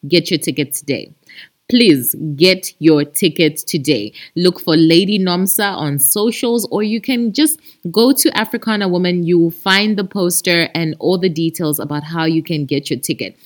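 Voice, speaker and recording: A podcast host with a Zambian accent speaks in a lowish voice at a moderate pace. She talks expressively, addressing her listeners like friends in a chatty monologue with announcements.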